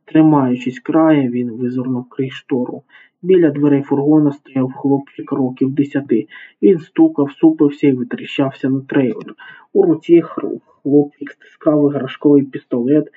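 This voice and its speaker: A man reading a crime novel aloud as audiobook narration, steady and dramatic. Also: medium pitch, husky. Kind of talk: scripted narration. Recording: tinny phone-like sound.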